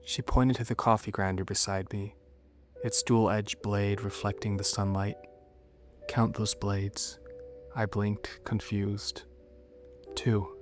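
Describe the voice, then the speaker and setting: A man narrates a horror story in the first person with a low voice. His delivery is measured and dramatic, and music plays clearly beneath him. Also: little pitch movement. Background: music under the voice.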